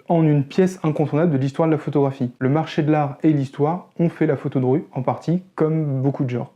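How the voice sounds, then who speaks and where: A man's voice: on the high side, dark tone. A man with a French accent hosting a photography channel, explaining a topic in a conversational way with self-deprecating asides. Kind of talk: educational talk to camera.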